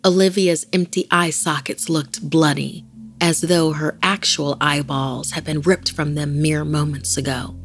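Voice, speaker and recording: Low gravelly woman narrating horror. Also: fairly even intonation, unhurried. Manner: dramatic, varying pace with the tension. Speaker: podcast host and narrator. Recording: faint music bed.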